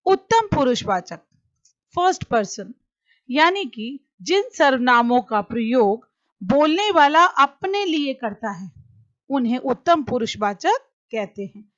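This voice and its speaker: A woman with a high voice explains a grammar lesson at an unhurried pace, dwelling on each example. The recording is dry and somewhat dull and lo-fi. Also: sing-song, a bit bright, no room sound. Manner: slow, deliberate explaining with examples. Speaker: teacher.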